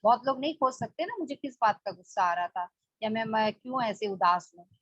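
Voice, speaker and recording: A woman's voice: on the high side, lively intonation, brisk, fairly bright tone, no echo. A woman leading a spoken book study, explaining plainly with rhetorical questions. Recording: dull lo-fi dry recording.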